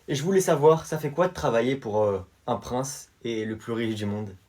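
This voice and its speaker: A man's voice: mid-range voice, normal speed, darkish tone, pitched below the performer's own voice, natural voice. A man voicing an arrogant prince who boasts about being the richest in the world. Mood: pompous. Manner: pompous, boastful.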